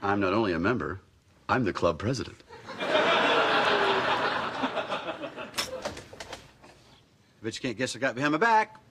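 A man's voice: on the low side, very animated, fast talker. An actor playing a middle-aged, wisecracking American TV handyman and family man in a sitcom. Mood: wry, casual. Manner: wisecracking showman. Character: cocky, joking TV handyman host and family man. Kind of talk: sitcom acting. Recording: very noisy TV studio soundtrack.

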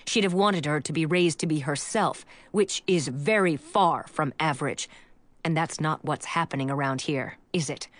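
A woman's voice: low-pitched, normal speed, no echo, voice pushed down, lightly acted. A woman voicing a stern middle-aged father who speaks in an icy, clipped way. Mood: cold stern.

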